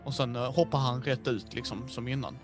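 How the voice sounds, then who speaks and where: A man narrating as game master in a casual, animated way with many filler words. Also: medium pitch, soft background music. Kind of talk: casual role-play narration.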